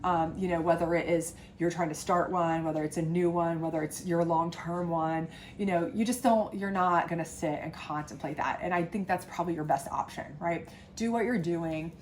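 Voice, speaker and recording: A congested tarot reader with a sinus infection speaks on the low side with fairly even intonation, normal speed and few pauses. Her casual love reading to camera is chatty, reassuring and full of fillers and asides, with slight background noise.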